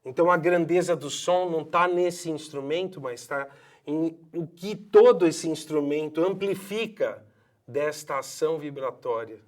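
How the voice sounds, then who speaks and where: A man in his fifties with a Brazilian accent, a voice doctor speaking in an expressive, emphatic way. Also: on the high side, measured pace. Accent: Brazilian Portuguese. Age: 50s. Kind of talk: passionate promotional talk.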